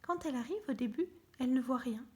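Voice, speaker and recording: A woman reading a children's story aloud, soft and often near a whisper. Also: high-pitched, fast talker.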